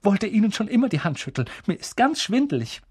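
Male reader doing a starstruck old lady, high and breathless, rushing her words. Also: sing-song, darkish tone, breathy edge, no echo, clean studio sound, heavily acted. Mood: gushing. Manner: high, quick, gushing. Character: eager, flustered older woman.

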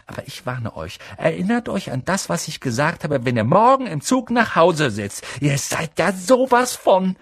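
A man voicing a bossy, indignant know-it-all schoolgirl with a shrill voice in an audiobook reading. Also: big pitch swings, normal speed, hardly any pauses, a bit bright, breathy edge, no room sound, full character voice.

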